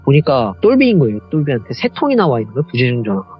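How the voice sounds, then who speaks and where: A man telling a true horror story as a guest, animated and acting out the voices of the people in it. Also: medium pitch, rapid-fire, lo-fi sound, faint music behind. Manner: animated, acts out quoted voices.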